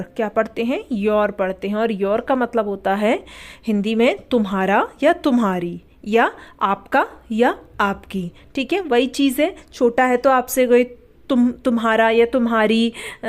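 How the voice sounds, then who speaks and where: A woman's voice: fairly high pitch, a little mellow. A woman teaching beginners in a patient lesson, spelling out words letter by letter and asking and answering her own questions. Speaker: English teacher.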